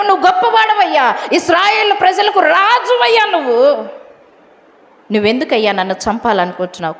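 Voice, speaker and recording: A woman preacher giving an animated sermon, acting out scripture voices and questioning her congregation. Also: high-pitched. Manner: animated, acts out Bible characters' words, asks the congregation questions. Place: prayer hall. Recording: echoey prayer hall with long reverb.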